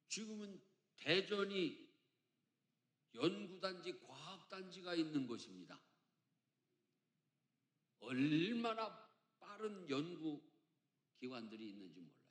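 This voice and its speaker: A man in his fifties from Chungcheong, Korea, preaching a sermon as senior pastor, jumping between loud emphatic lines and quiet asides, with folksy jokes. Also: mid-range voice. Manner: emphatic preacher with big swings between loud and soft, joking. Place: church sanctuary. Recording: echoey church hall.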